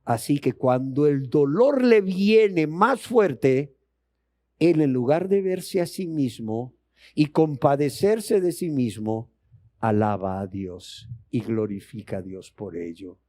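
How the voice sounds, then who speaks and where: A man's voice: medium pitch, lively intonation, takes it slowly, warm tone, dry recording. A man with a Colombian Spanish accent teaching a sermon, asking the audience questions and acting out dialogue. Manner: emphatic, rising questions to the audience, acts out dialogue. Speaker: Bible teacher.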